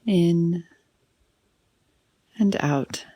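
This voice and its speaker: A woman guides a meditation in a soothing, unhurried way, her lowish voice often fading into breathy softness.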